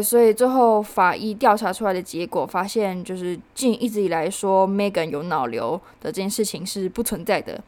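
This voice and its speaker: A young woman of about nineteen with a Taiwanese Mandarin accent, hosting a casual news-recap podcast in a chatty way, full of fillers and sudden jumps in pitch for emphasis. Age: young adult, about 19. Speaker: podcast host.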